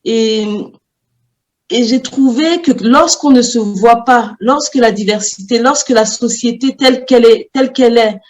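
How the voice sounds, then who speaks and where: A French woman, a mother and children's book author, answers interview questions in a slightly high voice. She responds thoughtfully, pausing often and restarting her sentences.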